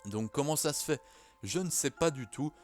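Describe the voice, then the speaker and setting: A man's voice: on the high side, animated, normal speed, soft background music. A man talking casually to camera in a vlog, hesitant and full of filler sounds. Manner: hesitant, many "euh" fillers. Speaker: YouTuber.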